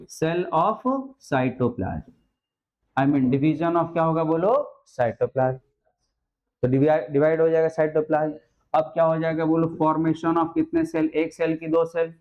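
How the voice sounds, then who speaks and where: With a slightly high, steady voice and measured pace, a man teaches a biology lecture, the recording's highs cut off. He coaxes his class with a steady stream of questions and uses "beta" and "mere lal" for his students.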